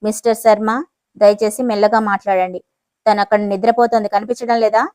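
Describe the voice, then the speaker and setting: A woman voicing a cold, menacing young businessman who speaks in a calm, dismissive way. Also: fairly high pitch, normal speed, dry recording, studio quality, lightly acted. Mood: cold, controlled.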